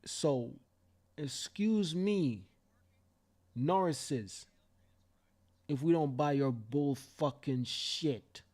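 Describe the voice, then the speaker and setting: A young Jamaican livestream host speaks extremely slowly with long pauses, his voice on the high side and darkish in tone. Even so, he rants fiercely, cursing and repeating himself in heated commentary.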